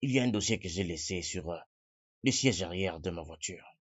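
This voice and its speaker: A man's voice: sits low, brisk, dull audio. An actor playing a wealthy, stern father and grieving widower in a French-dubbed film. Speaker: father of the bride.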